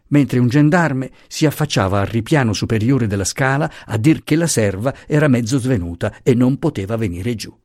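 Guy reading a classic novel out loud, raspy and lowish, very dramatic up-and-down delivery. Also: dry recording, studio quality. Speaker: audiobook reader. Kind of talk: literary audiobook narration.

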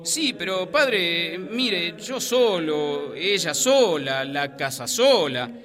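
A man's voice: high voice, big pitch swings, crowd noise. A man voicing a sheepish young man confessing his escapades to a priest, dragging out his excuses. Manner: drawn-out, sheepish pleading.

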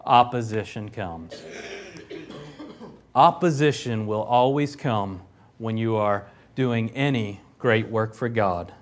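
Taking it slowly in a lowish voice, a pastor delivers a sermon and reads passages of scripture aloud. His preaching is emphatic, growing loud on key phrases as he pushes his points, with casual asides along the way.

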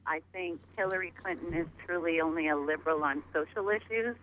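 A woman's voice: on the low side, brisk. A woman calling into a radio show, giving direct, opinionated views. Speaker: caller. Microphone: telephone. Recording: muffled phone line with faint noise.

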